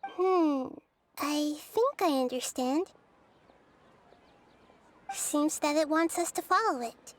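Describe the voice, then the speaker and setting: A woman voicing a gentle, wise, childlike deity in an anime video game, speaking in a soft, measured, kindly way. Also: high voice, lively intonation, slight background noise. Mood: calm, kind. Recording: game music underneath.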